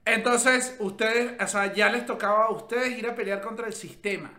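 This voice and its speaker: Man, Venezuelan Spanish accent, rambling casual podcast chat, high bright voice, echoey room. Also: normal speed. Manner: chatty, rambling with restarts. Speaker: podcast co-host.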